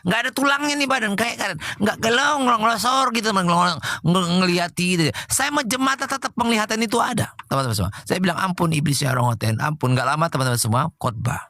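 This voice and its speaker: A man from Jambi, Indonesia, giving an emotional personal testimony in church, animated and often turning to his listeners as friends. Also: high-pitched, fast talker, hardly any pauses, no echo, studio quality.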